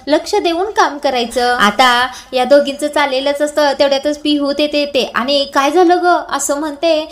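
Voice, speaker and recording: A woman's voice: high-pitched, steady tone, normal speed. A woman with a Marathi accent retelling a TV serial episode, reading every character's lines in her own voice, with small hesitations. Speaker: serial recap narrator.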